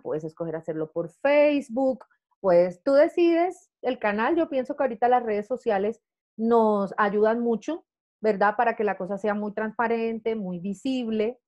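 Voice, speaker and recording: A sales director with a fairly high voice coaches consultants in an online training talk. She's lively and chatty, often checking in with "¿verdad?" and "¿sí?".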